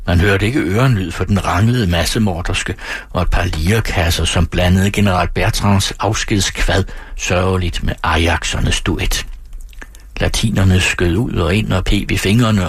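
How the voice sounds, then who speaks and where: Deep, husky male storyteller. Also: no echo. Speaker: audiobook reader. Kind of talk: scripted literary narration.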